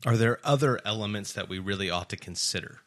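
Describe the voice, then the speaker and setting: A man's voice: on the low side, quick pace, a bit bright. A man interviewing a guest, asking conversational questions and prompting him to explain.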